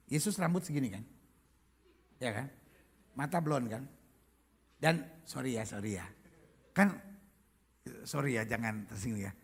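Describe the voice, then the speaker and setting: A man's voice: on the high side, breathy edge. A male pastor preaching a humorous sermon, joking and mimicking how different people speak. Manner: lively, jokey, mimics accents and voices.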